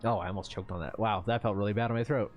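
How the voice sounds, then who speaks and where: A man with a lowish voice chats loosely while he plays, filling his talk with "like" and tossing in casual swearing. Game music sits clearly behind him. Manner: rambling, heavy on "like", casual swearing. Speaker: streamer playing an online game. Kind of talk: casual live-stream chat.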